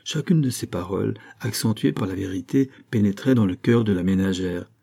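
A man narrating a classic novel as an audiobook, reading in measured, phrase-by-phrase delivery. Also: fairly low pitch, creaky, mellow.

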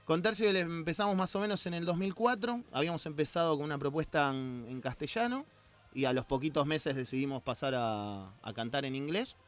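A man's voice: fairly high pitch, a little fast. A man with a Rioplatense Spanish accent, a guest musician telling stories about his band in a casual interview, with joking asides. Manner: storytelling, jokey asides.

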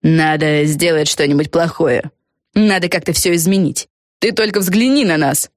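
A woman's voice: sits low, fairly even intonation, normal speed, no echo, clean studio sound, natural voice. A woman doing a snappish proud witch. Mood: fired up. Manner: hissing and snappish. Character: proud hot-tempered young witch. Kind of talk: audiobook character voice.

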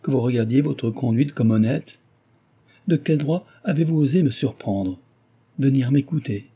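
Reading an audiobook, a man with a mellow, husky voice speaks at a moderate pace in a lightly acted style. He voices a proud young heiress in distress, sounding ashamed and agitated, pleading, emotional, and high-strung.

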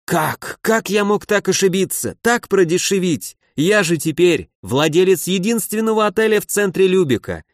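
Guy putting on a moaning, sorry-for-himself hotel owner, higher than his own voice, dry sound. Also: animated, normal speed, few pauses, dry recording. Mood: despairing. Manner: wailing, self-reproaching. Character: despairing middle-aged male hotel owner.

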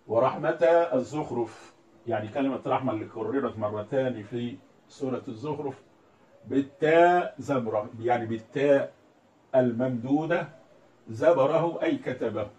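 A man's voice: medium pitch, normal speed, a little mellow. A man with an Egyptian Arabic accent teaching a religious lesson, explaining step by step and quoting verses in a recited tone. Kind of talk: religious lesson on Quran readings and script. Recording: echoey room, voice from a distance.

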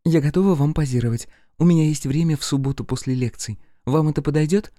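A sweet, vengeful young woman chirping her lines, as a male narrator puts her on. The voice is raised yet dark in tone and quick. It is recorded dry and close. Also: on the high side, dry recording, pitched above the performer's own voice, lightly acted. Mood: coy.

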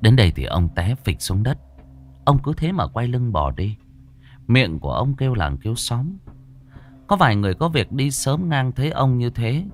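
A man narrating a scripted horror story in a dramatic, expressive way. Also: fairly low pitch, slight background noise.

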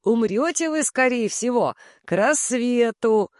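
A man voicing a calm young shinobi who speaks loudly and distinctly, with cold satisfaction. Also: sits high, dry recording, studio quality, pitched above the performer's own voice. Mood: coolly mocking. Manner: loud, clear, measured speech. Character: young male shinobi, calm, coldly pleased.

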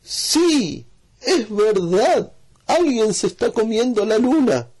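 A man voicing a curious young male foal in a storybook, with shrill shouted exclamations. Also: big pitch swings, drawn-out words. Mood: amazed.

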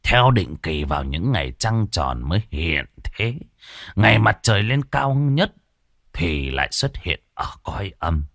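A man voicing a frail, trembling clan elder over a hundred years old in a ghost story, speaking slowly and solemnly. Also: deep voice, very animated, creaky, no room sound, studio quality, heavily acted. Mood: grave.

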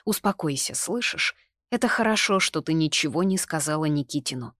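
A woman reading the lines of a lively, stubborn young man in an audiobook, arguing in a brisk way. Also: lowish voice, no echo, studio quality, voice pushed up, natural voice. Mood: cheerful.

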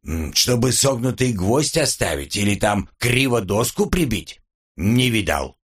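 A man's voice: on the low side, sing-song, unhurried, slightly rough, exaggerated voice. A man voicing a fussy, folksy old male house spirit in an audiobook, grumbling and chatty. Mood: pleased. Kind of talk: audiobook character reading.

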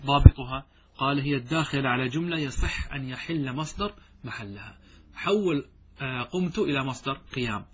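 A man teaching grammar in a classroom lecture, asking questions and answering them himself, and slowly drawing out quoted examples. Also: mid-range voice, a bit bright, slightly rough. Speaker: Islamic scholar teaching grammar. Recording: dull lo-fi recording.

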